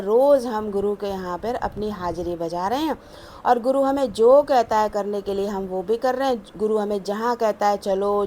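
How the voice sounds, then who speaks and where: A woman giving a devotional sermon, explaining a teaching story in a measured, repetitive way. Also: mid-range voice, a little mellow, a little hiss or hum. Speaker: satsang speaker.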